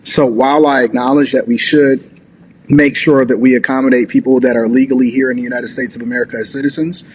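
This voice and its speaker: A man hosts a reaction commentary, rambling in long, argumentative sentences packed with fillers like "you know." His mid-range voice is steady and quick, with a little hiss or hum in the recording.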